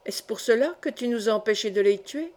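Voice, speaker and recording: A woman's voice: a little high, animated, a little fast, darkish tone, lightly acted. A woman doing an angry young poacher. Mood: tense, scornful. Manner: tense, threatening. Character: angry young male poacher, quick to threaten.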